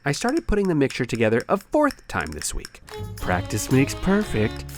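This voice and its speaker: An actor playing a fussy, exasperated lab scientist, dramatic and swinging from dry deadpan to pleading in comic dialogue. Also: medium pitch, normal speed, soft background music. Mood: dry, aggrieved. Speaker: actor in a comedy sketch.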